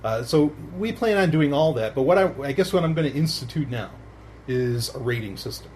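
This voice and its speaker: A man's voice: medium pitch, lively intonation, fairly quick, a little mellow. Guy hosting a podcast, rambly, lots of um and you know, faint hiss behind. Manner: rambling, many fillers and restarts, laughs often. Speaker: podcast host. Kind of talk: casual podcast chat.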